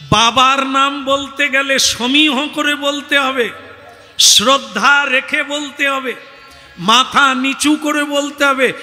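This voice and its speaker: A man preaching a devotional sermon, telling a story and acting out the dialogue with sudden shouts. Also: very high voice. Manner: theatrical, acts out dialogue with shouts. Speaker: kirtan singer and preacher. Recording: reverberant hall, music behind.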